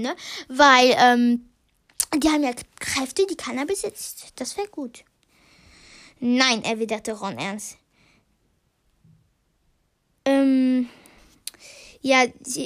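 A woman hosting a casual podcast, reading short passages from a book and commenting on them, thinking aloud with many fillers and restarts. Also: high voice. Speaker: podcast host.

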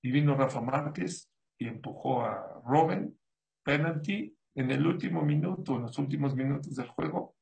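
Brief: man, rabbi preaching, lively and theatrical, acts out quotes, mid-pitched voice. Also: moderate pace, gravelly, rough recording. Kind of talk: sermon.

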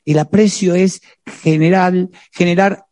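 A man's voice: high-pitched, steady tone, a little slow, darkish tone, no echo, studio quality. A man with an Argentine accent preaching on marriage, addressing his listeners directly with jokes and frequent rhetorical "¿eh?" tag questions. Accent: Argentine Spanish. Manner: exhorting, peppered with rhetorical "¿eh?"; joking, direct address to the audience. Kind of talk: sermon.

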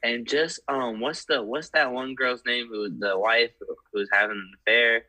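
A young-sounding man talks in loose, animated bursts, piling on fillers and squeamish exclamations. His voice is very bright and edgy, with a husky, breathy grain. It feels like relaxed podcast chat. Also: mid-range voice, normal speed, rough recording. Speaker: podcast guest. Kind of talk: casual chat.

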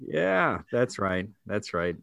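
A man's voice: lowish voice, very animated, slow pace, vocal fry, fairly bright tone, dry recording, studio quality. A middle-aged man, a school principal, co-hosting a podcast with an enthusiastic, repetitive way of talking. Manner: enthusiastic, repeats himself. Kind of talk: casual podcast chat.

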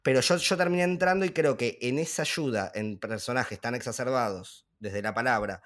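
Argentine man, film podcast host, mid-pitched voice, hesitant, lots of fillers and restarts, casual chat. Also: moderate pace, a bit bright. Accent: Argentine Spanish.

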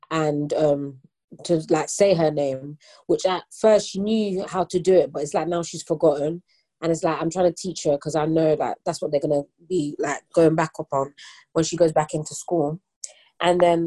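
Mum, low dark voice, halting casual talk. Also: female voice. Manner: earnest, halting, filler-heavy. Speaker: mother of a young child. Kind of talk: casual group discussion.

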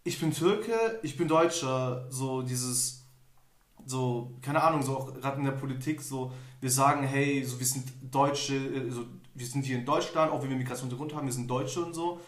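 A man's voice: medium pitch, moderate pace. A young man hosts a casual podcast chat and tells his own stories in a loose, rambling way, with plenty of fillers and restarts. His voice sits in a middle register. The room around him is echoey and carries the sound. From Germany. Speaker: podcast host. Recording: echoey room, somewhat off-mic.

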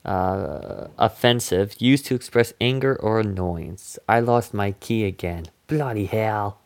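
A man's voice: on the low side, a little slow, vocal fry. A man hosting a casual movie review podcast, recapping the plot in a goofy, rambling way. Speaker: podcast host.

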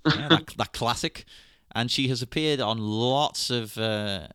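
A man chatting on a podcast, animated and quick to laugh. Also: mid-range voice, clear, resonant tone, dry recording, studio quality. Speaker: podcast panelist. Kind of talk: casual chat.

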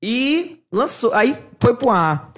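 A man, telling animated, self-mocking stories in casual chat and laughing often. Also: extremely high pitch, takes it slowly, soft background music. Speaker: podcast guest. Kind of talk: casual storytelling.

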